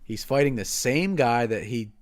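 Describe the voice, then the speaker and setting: Halting man talking fight news. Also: mid-range voice, animated. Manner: halting, repeats words, trails off quietly. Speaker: podcast co-host. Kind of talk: casual sports chat.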